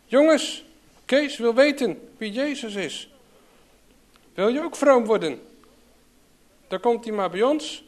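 A man doing a loud, jeering young coworker. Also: on the high side, very animated, normal speed, few pauses. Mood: mocking.

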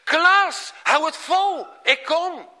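A man voicing a worried skipper who shouts urgently to his deckhand during a storm at sea. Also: very high voice, slow pace, voice pushed up, heavily acted. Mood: urgent shouting.

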